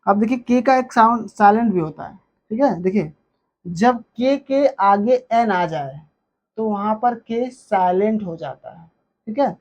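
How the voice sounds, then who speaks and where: Slow, patient woman phonics teacher. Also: medium pitch, lively intonation, darkish tone, highs cut off. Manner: slow, repeats example words with stretched emphasis. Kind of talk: phonics lesson.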